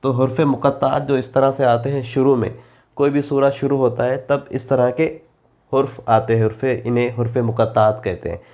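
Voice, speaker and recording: A man with an Urdu accent teaching Quran reading in a slow lesson, drawing out the example syllables at length. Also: mid-range voice, little pitch movement, darkish tone.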